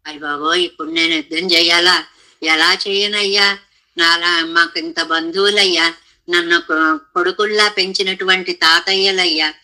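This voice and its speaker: A woman's voice: lowish voice, fairly even intonation, normal speed, pushed and bright, rough recording. A woman voicing an anguished young male warrior who pleads and wails in fear during a spoken religious discourse. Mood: despairing. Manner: wailing, pleading lament.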